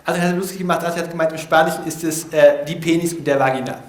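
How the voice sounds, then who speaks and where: A man's voice: on the high side, steady tone, fast. A man in an informal setting explaining foreign vocabulary to listeners, thinking aloud with frequent hesitations. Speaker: language learner presenting vocabulary notes. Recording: echoey room.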